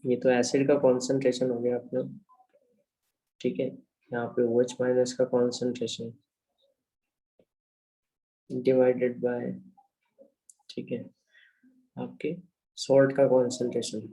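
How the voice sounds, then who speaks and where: Indian guy teaching chem online, warm mellow voice, keeps checking if students get it. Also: medium pitch, flat delivery, slow, pauses often, rough recording. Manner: explains step by step, checking in with students often; mixes English phrases into Hindi. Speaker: chemistry teacher. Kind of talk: online lecture explaining equations.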